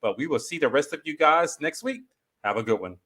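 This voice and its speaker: A man's voice: fairly high pitch, lively intonation, fairly quick. A man hosting a talk show as a therapist, giving direct, informal advice in a conversational way.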